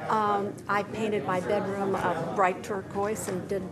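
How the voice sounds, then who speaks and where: An older woman speaks as a studio guest at a medium pitch. She explains herself haltingly and without a script, with clear chatter in the background. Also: flat delivery. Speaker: guest porcelain painter and teacher. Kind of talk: unscripted guest interview talk. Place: TV studio desk, indoors. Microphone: lapel mic.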